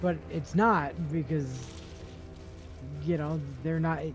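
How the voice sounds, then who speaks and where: A man's voice: fairly high pitch, slow pace. A man chatting casually during a game, with a dry, sarcastic delivery. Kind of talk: casual gaming chat. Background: game music.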